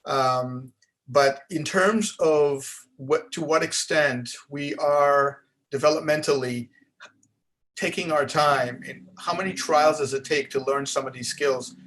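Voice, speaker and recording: A man's voice: a little high, slow pace, a bit bright. A man giving a conference lecture on therapy skills, speaking conversationally with frequent tag questions and "uh"s. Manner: conversational, frequent "right?" asides; restarts and filler "uh"s while explaining. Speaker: psychologist speaker.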